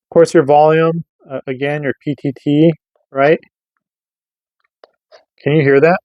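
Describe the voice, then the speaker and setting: A man hosting a radio gear review channel offers an informal, hands-on review, loosely explaining and often checking in with listeners via rhetorical questions. His fairly high voice stays level and unhurried. There's no echo, but the high frequencies are cut off.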